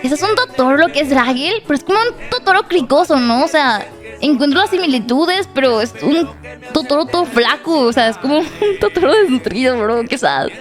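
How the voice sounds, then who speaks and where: A young woman giving casual gameplay commentary, laughing often, shouting at the game and reading pickup lines aloud. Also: sits high, lively intonation, fairly quick, faint music behind. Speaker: streamer.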